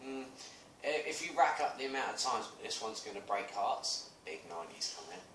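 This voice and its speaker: A British man in his thirties co-hosting a podcast, chatting casually and telling animated stories with plenty of swearing. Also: fairly low pitch, a little fast, roomy sound, far from the mic, slight background noise. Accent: British English. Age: 30s. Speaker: podcast co-host. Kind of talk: casual chat.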